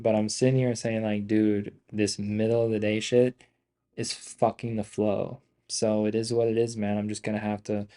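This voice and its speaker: Mellow-voiced man venting on a livestream. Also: fairly low pitch. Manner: heavy casual swearing, slangy; rambling, repetitive venting. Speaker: day trader hosting a livestream. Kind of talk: casual livestream chat to viewers.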